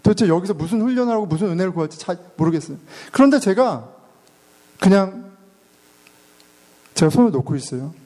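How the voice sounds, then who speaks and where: A man's voice: high voice, lively intonation, a little fast, long pauses, dark tone. A man in his thirties, a father and pastor, preaching a sermon in a chatty way and putting questions to the congregation. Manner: conversational, asks the congregation questions.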